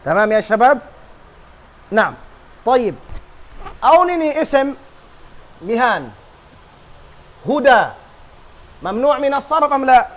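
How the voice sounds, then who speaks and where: A man's voice: extremely high pitch, big pitch swings, unhurried, long pauses. A man teaching an Arabic grammar class, drilling students with repeated questions and call-and-response.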